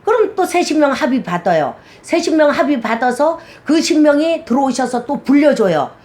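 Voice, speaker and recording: A woman's voice: high-pitched, sing-song, normal speed, a little mellow. A middle-aged woman, a shaman, talking bluntly and animatedly in a casual interview, often acting out quoted dialogue.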